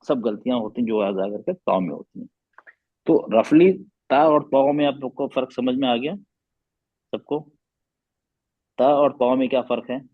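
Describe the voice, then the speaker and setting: A male teacher leads an online class in Quran recitation, patiently drilling sounds and asking his students questions. His voice has a slightly husky edge. The audio is dry and muffled, like a dull online call. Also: medium pitch, no room sound.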